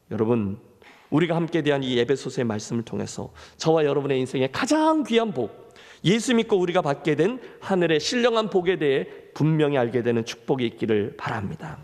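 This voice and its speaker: A man's voice: a little high, a little mellow. A male pastor preaching a sermon, asking the congregation questions and answering them himself. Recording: long church hall reverb.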